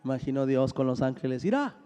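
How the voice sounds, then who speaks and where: High-voiced pastor preaching in a reverberant hall. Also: male voice, expressive, unhurried, darkish tone, faint music behind. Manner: preaching with call-and-response, joking asides. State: unwell, says he is sick. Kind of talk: sermon.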